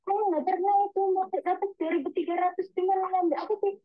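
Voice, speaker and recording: High-voiced woman telling her story over a tinny phone line. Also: fairly even intonation, fast talker. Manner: rambling, repeats "gitu" and "Miss". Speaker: migrant domestic worker caller.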